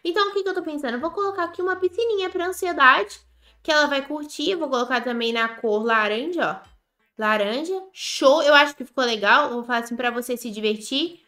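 Excitable high-voiced Brazilian woman gamer. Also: fairly quick. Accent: Brazilian Portuguese. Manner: excitable and chatty, often talking straight to viewers. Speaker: gaming YouTuber. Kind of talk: Roblox gameplay commentary.

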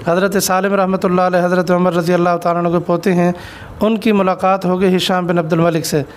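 A man's voice: sits high, little pitch movement, fast. A man who is an Islamic cleric, answering an interview question with an earnest, exhortative sermon and stories.

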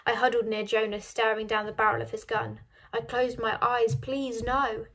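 A woman's voice: on the high side, flat delivery, moderate pace, a bit bright. Woman reading a novel aloud. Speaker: reader of a novel.

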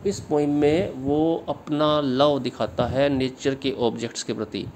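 Indian man teaching slowly in two languages. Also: mid-range voice, fairly even intonation, a little mellow, slight background noise. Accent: Indian English. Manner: reads English lines slowly, then explains them in Hindi. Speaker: literature teacher. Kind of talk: exam-prep lecture.

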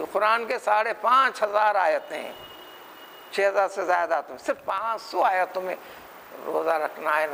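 Man, Hyderabadi accent, religious lecture, high gravelly voice, rhetorical, faint background hiss. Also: sharp tone, low-quality recording. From India. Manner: rhetorical, mimics others in quotes, emphatic questions. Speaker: Quran scholar.

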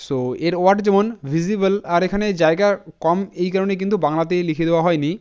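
A man teaching English pronunciation in a spoken lesson, spelling words out letter by letter and repeating each one slowly, often checking in with his students. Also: high-pitched, fairly even intonation, a little mellow, clean tone, dull audio. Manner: addresses students directly with frequent "thik ache" checks.

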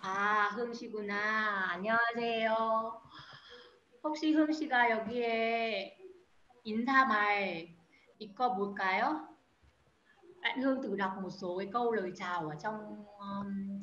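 A woman's voice: mid-range voice, fairly even intonation, brisk, pushed and bright. A woman teaching a beginner language class online over a video call, explaining step by step and calling on students by name. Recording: echoey, dull lo-fi audio with faint noise.

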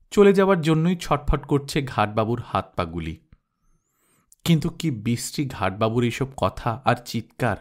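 A man narrating a literary short story in a measured, expressive reading voice. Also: medium pitch.

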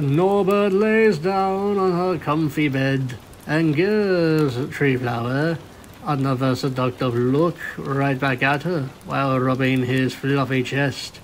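A man with a fairly high voice reads a romantic cartoon fan fiction aloud, narrating it like a story. The recording is rough, with faint noise behind him.

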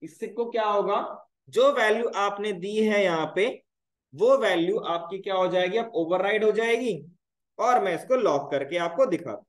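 A man's voice: high-pitched, moderate pace, roomy sound, rough recording. A man teaching a live programming class, explaining step by step and often checking whether his students follow. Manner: explains step by step, checks in with repeated "clear, brother?". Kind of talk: live coding class tutorial.

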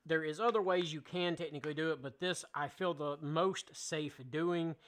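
A man's voice: on the high side, normal speed, fairly bright tone, slight background noise. Plainspoken man explaining a shop jig. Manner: plainspoken, explains step by step with fillers. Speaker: woodworking channel host. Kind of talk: casual how-to tutorial. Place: home woodworking shop, indoors.

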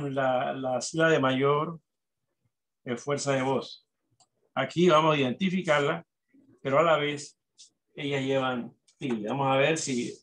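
A man's voice: mid-range voice, fairly bright tone. A male teacher dictating a lesson to a class, repeating his instructions and often checking in with the pupils.

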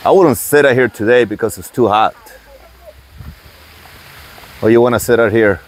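Casual guy hosting a vlog, relaxed teasing chat at a lakeside restaurant. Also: medium pitch, normal speed. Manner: easygoing, teasing. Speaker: vlog host. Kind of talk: casual chat and to-camera intro.

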